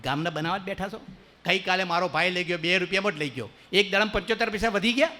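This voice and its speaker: A middle-aged man from Gujarat doing stand-up, spinning family jokes and stammering bits in a high, ringing voice. His tone is bright and forward, and he keeps the audience on each punchline. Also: fast. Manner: jokes told with exaggerated stammering impressions. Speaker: stand-up comedian. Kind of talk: Gujarati comic storytelling.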